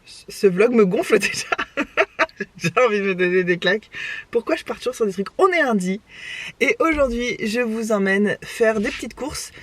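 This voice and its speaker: A young woman from Réunion, hoarse after waking up, chatting in a rambling, self-mocking way for her vlog. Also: on the high side, normal speed, dry recording. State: hoarse, just woken up. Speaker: vlogger. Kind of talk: casual vlog chat. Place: home in the morning, then driving a car.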